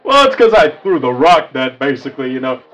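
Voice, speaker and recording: A man voicing Boris, an easygoing, good-natured cartoon wolf farmer with a cheerful, gently teasing manner. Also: mid-range voice, very animated, fairly quick, natural voice. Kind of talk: improvised cartoon roleplay. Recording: slightly dull lo-fi mic, music behind.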